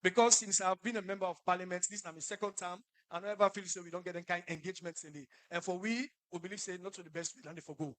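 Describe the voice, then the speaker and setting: A middle-aged man with a Sierra Leonean Krio accent, an opposition lawmaker making loud, emphatic remarks at a press conference. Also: high voice, steady tone, racing, hardly any pauses, rough recording. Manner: loud, emphatic, stumbling speech. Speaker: opposition member of parliament.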